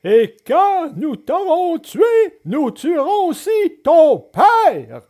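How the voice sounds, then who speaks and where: A brutal hooded robber in a storybook drama, threatening his victim in a slow, drawn-out way, as a male narrator puts him on. His voice is pitched strangely high and swings widely, with a slow, heavy pace. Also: huge pitch swings, a little mellow, heavily acted.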